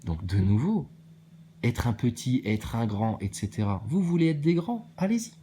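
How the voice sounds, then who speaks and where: Combative, preachy man with a mellow voice. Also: mid-range voice, very animated, moderate pace, a little hiss or hum. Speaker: video maker answering viewer comments. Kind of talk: ranting monologue to commenters.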